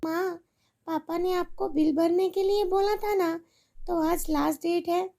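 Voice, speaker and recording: A woman's voice: extremely high pitch, steady tone, measured pace, vocal fry, pitched above the performer's own voice, full character voice. A woman doing a meek, pleading little girl. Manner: soft, pleading. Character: meek young schoolgirl daughter, polite and pleading.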